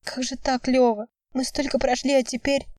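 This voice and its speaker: A woman's voice: sits high, little pitch movement, normal speed, a little mellow, no echo, studio quality, voice pushed up, lightly acted. A woman voicing a tearful young woman pleading with her lover in an audiobook.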